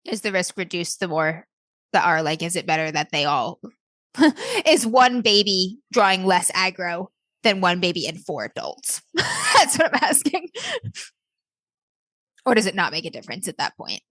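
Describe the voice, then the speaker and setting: A woman's voice: lowish voice, very animated, moderate pace, a bit bright, no room sound. A woman playing a tabletop game, mixing casual role-play with table talk.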